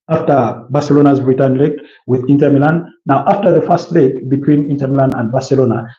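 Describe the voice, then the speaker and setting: Rambling man talking football, echoey. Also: mid-range voice. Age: early 30s. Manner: rambling, many fillers and restarts, lists player names. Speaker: football pundit. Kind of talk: casual football talk show chat. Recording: roomy, dull lo-fi sound.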